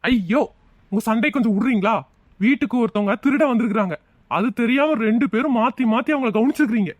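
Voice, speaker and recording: An exasperated young husband, acted out by a performer, scolding in a mid-pitched voice. The sound is dry and close to the mic, in a homemade family comedy skit. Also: quick pace, no room sound, lo-fi sound, lightly acted.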